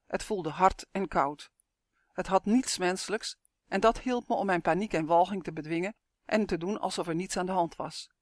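A steady, measured audiobook narrator telling a first-person suspense story at a middle pitch. The voice sits close to the microphone in a dry, dead room with no echo.

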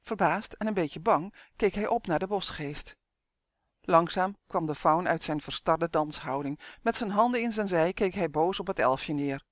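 A man with a fairly high voice reads a children's story aloud, lively and expressive. The sound is close and dry, with no room behind him. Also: moderate pace, no room sound. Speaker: audiobook reader. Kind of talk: storybook narration.

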